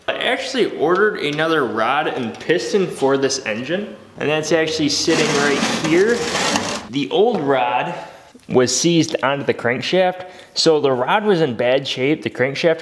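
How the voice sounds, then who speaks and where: Holding a camera close as it moves, a twenty-something man films an energetic vlog in his garage workshop. His voice sits on the high side and sounds animated, at normal speed against a noisy background. He keeps things upbeat, jokey and a little motivational.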